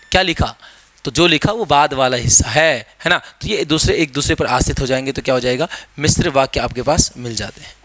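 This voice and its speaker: A man talks students through exam questions with an emphatic, energetic delivery. His voice is bright and forceful and sits a bit high for a man. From India. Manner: explains step by step, lively and emphatic. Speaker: teacher. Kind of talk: exam-prep lesson.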